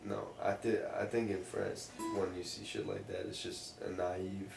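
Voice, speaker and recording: Low, creaky male interviewee, loose drunken rambling and swearing, casual chat picked up across an echoey room. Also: little pitch movement, unhurried, music in the background. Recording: roomy, distant mic, faint noise.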